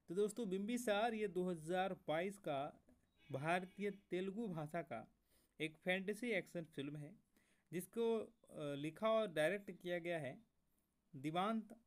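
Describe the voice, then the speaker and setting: A man with a somewhat raised pitch narrates a movie review video for his channel. He speaks casually, repeatedly calling his viewers friends. He often stops mid-sentence with short fillers before going on. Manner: keeps addressing viewers as friends, halting with fillers.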